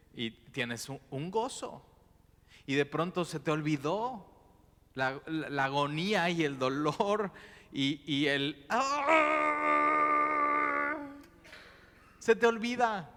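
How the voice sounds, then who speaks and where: Male pastor, relaxed conversational sermon delivery, echo of a big church room. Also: on the high side, takes it slowly, pauses often. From Mexico. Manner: expressive, informal preaching with casual asides. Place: church auditorium. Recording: long reverb of a church hall.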